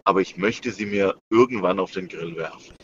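A man's voice: low voice, a little fast. A man chatting as a podcast co-host through a car's hands-free speakerphone, joking and often stumbling over repeated words. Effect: car hands-free speakerphone call. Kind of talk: casual joking chat. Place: car on the road. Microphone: car hands-free system. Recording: lo-fi hands-free call with faint noise.

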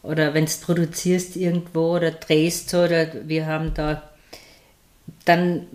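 Low, level and somewhat dark, this woman's voice moves at a measured pace. She is a middle-aged Styrian actress with an Austrian accent, chatting casually as an interview guest and peppering her anecdotes with tag questions.

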